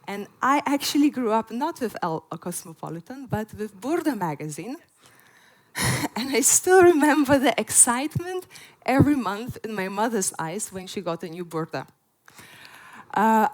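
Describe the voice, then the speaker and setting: A woman in her forties, originally from Lithuania, gives an earnest prepared talk on a festival stage before an audience. She fills her speech with frequent "uh"s, and her medium-pitched voice comes through on poor audio.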